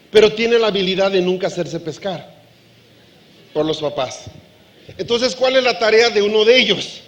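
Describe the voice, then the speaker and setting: A man preaching a sermon as pastor, lively, asking the congregation questions and acting out dialogue. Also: high voice. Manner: animated preaching, acts out dialogue.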